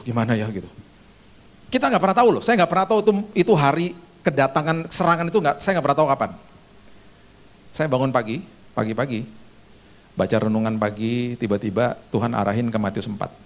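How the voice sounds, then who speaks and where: A middle-aged male pastor preaching a sermon with a personal testimony, telling the story in a lively way and acting out voices with sudden loud, high bursts.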